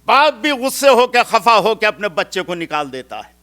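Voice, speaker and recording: A man delivers a storytelling sermon in a mosque. His voice sits high and sounds bright and forceful. He moves from impassioned cries to hushed, pleading appeals. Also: very animated. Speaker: preacher.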